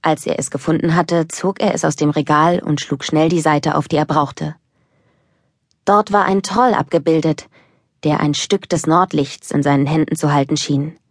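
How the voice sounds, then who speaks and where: A woman narrating a children's audiobook in a calm, even storytelling manner, recorded close in a studio. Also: low-pitched, moderate pace, no echo.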